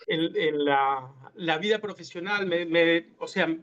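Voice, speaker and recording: A man's voice: on the high side, measured pace, over a noisy crowd. Hesitant man on muffled call. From Uruguay. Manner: hesitant, many fillers and restarts. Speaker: tech entrepreneur guest. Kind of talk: online panel interview. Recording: muffled lo-fi video call audio.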